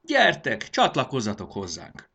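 A man voicing a gentle, earnest male rebel leader who pleads with his cousin in a storybook reading. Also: medium pitch, wildly swooping pitch, vocal fry, husky, highs cut off, pitched above the performer's own voice, full character voice. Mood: pleading. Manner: pleading, appealing to family ties.

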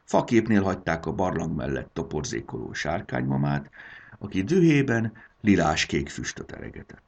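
A man reading a children's story aloud with expressive delivery. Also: deep voice, creaky, breathy edge, muffled recording.

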